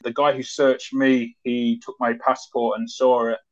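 A British former soldier recounts past events as an interview guest, speaking loosely and conversationally with many filler words. His voice is medium-pitched and level, and he takes his time. The audio is dull and lo-fi.

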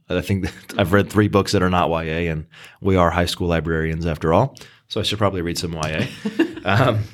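Very deep-voiced man chatting on a podcast. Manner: chatty, with frequent ums. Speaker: podcast host. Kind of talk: casual chat.

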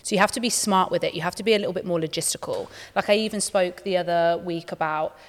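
A woman with a British accent and a slightly low voice gives practical, direct advice. She explains casually, posing questions and answering them, in a reverberant hall. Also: quick pace. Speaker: panel guest, dance industry mentor.

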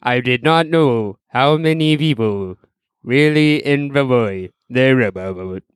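Man plays a bragging robot housemaid: slow, smooth, bouncy pitch, muffled diction. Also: lively intonation, no room sound. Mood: deadpan robotic. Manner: slow, halting robot delivery with muffled enunciation. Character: stiff female robot maid, boastful. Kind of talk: improvised comedy bit.

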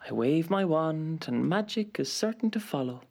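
An actor playing a lewd island host who talks in a sly, suggestive way and drops into whispers. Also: male voice, fairly high pitch, animated, normal speed, vocal fry, a little mellow.

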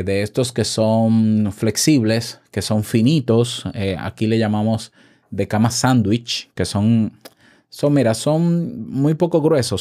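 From his home, a podcast host with a fairly low, dark voice gives casual advice into a shotgun microphone held near his mouth. He's conversational and keeps asking the audience questions.

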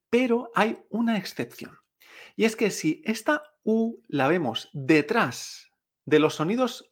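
A man teaching Chinese pronunciation, patiently repeating each sound for the listener to drill. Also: fairly high pitch. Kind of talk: pronunciation lesson.

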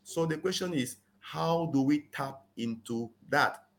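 A man with a fairly high voice speaks at a measured pace, earnestly making his case as a guest in a conversational advocacy interview. He often says "you know" and leans hard on his key points.

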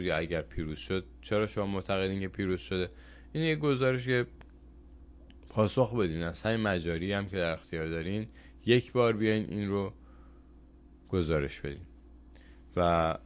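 A man with a very low voice speaks straight to his viewers in a political commentary monologue. He presses them with pointed rhetorical questions in an earnest, measured way, pausing between phrases. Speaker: host of a commentary program.

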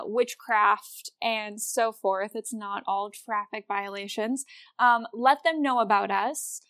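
A woman with an American accent and a fairly high voice chats as a podcast host. She is casual, irreverent and happy to swear. The sound is very dry, with no room on it. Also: no room sound. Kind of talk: casual comedic podcast chat about history.

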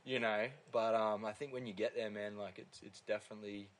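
A man's voice: on the low side, fairly even intonation, a little fast. An Australian man in casual chat with a laddish, sweary, bro-like way of talking.

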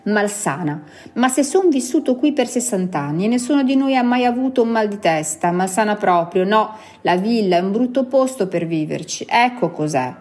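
A woman's voice: a little high, a little fast, hardly any pauses, a little mellow, breathy edge, voice pushed up. Woman doing a stubborn old peasant man. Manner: obstinate, indignant insistence.

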